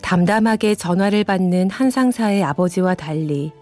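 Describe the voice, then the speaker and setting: Documentary narrator: woman, warm low-leaning voice, scripted delivery. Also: moderate pace, faint music behind.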